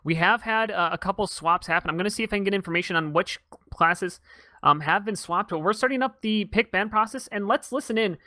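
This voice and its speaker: Bright, excited male esports caster. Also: sits high, fairly quick, no echo. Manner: chatty, enthusiastic, hands off to co-casters. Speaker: esports caster and stream host. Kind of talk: live game commentary.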